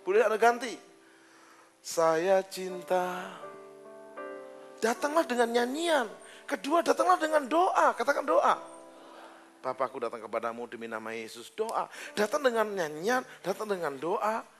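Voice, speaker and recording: A fairly high-voiced man preaching on a handheld mic. He teases and jokes with his congregation between points, and soft music plays faintly behind him. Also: huge pitch swings, normal speed, long pauses. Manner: joking, teasing, talks casually with listeners. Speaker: pastor. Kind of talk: lively sermon with congregation banter. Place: church service hall.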